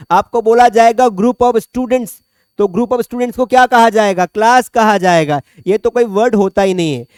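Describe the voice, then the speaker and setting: A man's voice: sits high, darkish tone, dry recording, studio quality. A man teaching English grammar in a classroom, speaking, chatty and joking as he quizzes students by name. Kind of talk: classroom lecture.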